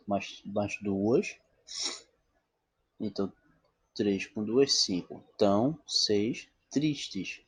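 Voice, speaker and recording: A man's voice: fairly low pitch, slightly rough, no echo. A male teacher, giving a lecture who keeps checking in with his listeners and answers his own questions. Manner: checks in often with "tá bom?" and "né?"; asks questions and answers them himself. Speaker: literature teacher. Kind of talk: classroom-style lecture.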